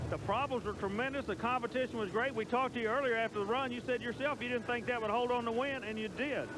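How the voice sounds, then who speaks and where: A man's voice: very high voice, fast talker. A man giving color commentary as a tractor pull announcer. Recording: very loud engine noise. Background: roaring engines at an indoor pulling event.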